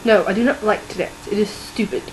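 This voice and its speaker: A woman voicing a haughty young gentleman who speaks in a flat, disdainful way. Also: mid-range voice, a little fast, slight background noise, close to an everyday voice, poor audio.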